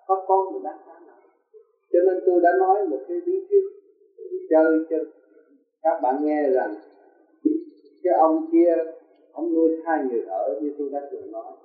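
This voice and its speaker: A man's voice: fairly high pitch, very animated, normal speed, long pauses. Man preaching through a tinny, echoey recording. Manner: storytelling, rhetorical questions. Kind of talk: religious sermon with a parable. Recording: tinny, echoey, distant from the mic.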